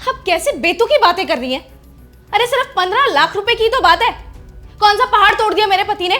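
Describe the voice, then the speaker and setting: A woman's voice: very high voice, expressive, brisk, a bit bright, soft background music. A woman playing an indignant young wife who confronts her sister-in-law in a scripted family drama. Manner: confrontational, scolding.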